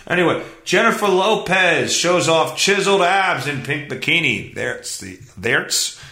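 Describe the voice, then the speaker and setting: A man's voice: fairly high pitch, animated, measured pace, vocal fry, pushed and bright, echoey room. A man hosting a solo podcast, reading news headlines aloud and ranting about them in a blunt, profane, exasperated way. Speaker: podcast host.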